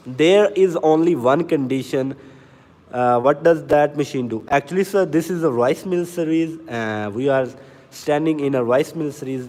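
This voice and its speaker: A man talks slowly and earnestly on a livestream, answering viewers one by one. His voice sits mid-range with a dark, mellow tone, and a long reverb trails behind him. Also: medium pitch. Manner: deliberately slow, earnest, reads out comments. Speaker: livestream sales host for farm machinery. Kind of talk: casual livestream talk to viewers. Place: inside a factory or showroom.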